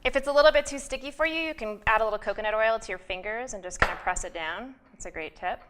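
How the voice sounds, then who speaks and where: A woman's voice: on the high side, fast talker, noisy background. A young adult woman giving a friendly cooking demonstration as a guest nutrition specialist, explaining steps with many fillers.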